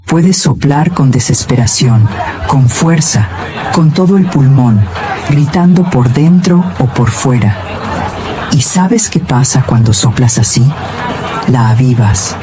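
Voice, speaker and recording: A man giving scripted motivational narration in a calm, measured, solemn way. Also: mid-range voice, music in the background, crowd noise.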